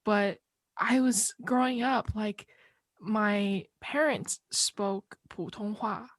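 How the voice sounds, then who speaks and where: A woman from northeast China talks through her thoughts in a relaxed podcast chat. Her pitch sits in the middle for a woman and her voice is close and dry, with no room behind it. She speaks reflectively and leans into key words now and then. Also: slow, dry recording. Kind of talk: casual chat.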